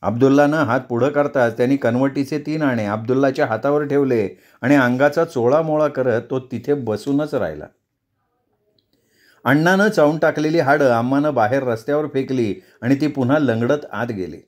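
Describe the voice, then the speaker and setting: A male storyteller reads a novel aloud in a measured, expressive way. His voice sits at an everyday middle pitch, steady through the narration.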